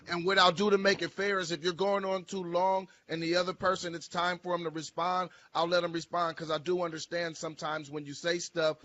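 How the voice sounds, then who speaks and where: A man moderates an online debate in a calm, procedural way. He speaks in a flat, even tone, a little high. The audio is dull and lo-fi with a faint hiss.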